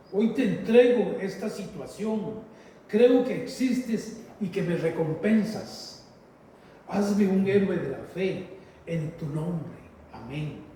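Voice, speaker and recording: A man preaching a sermon in a slow, emphatic way, repeating phrases and calling listeners brothers, with a heavy cathedral-like echo. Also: a little high, dark tone. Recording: very echoey hall, voice from far off, faint noise.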